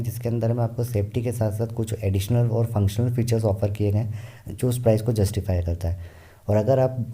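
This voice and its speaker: A man's voice: lowish voice, warm tone. A man explaining car variants in a car review, steadily listing features one by one.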